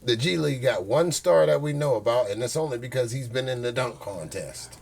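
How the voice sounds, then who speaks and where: A man in casual podcast banter, blunt and profane with a laid-back trash-talking manner. His voice sits at an ordinary middle pitch. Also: animated, a little fast, vocal fry, slight background noise. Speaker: podcast co-host. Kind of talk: casual chat.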